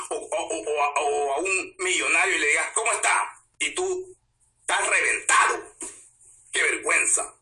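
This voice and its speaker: A man preaching a sermon as pastor, swinging from hushed asides to shouts. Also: on the high side. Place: church. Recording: echoey church, voice from a distance.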